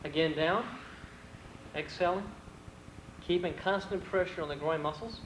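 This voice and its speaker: A man leading stretching exercises with calm, steady commands and counted reps, heard from a worn VHS tape copy. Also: on the high side, normal speed, echoey room, a little hiss or hum, poor audio. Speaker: martial arts instructor.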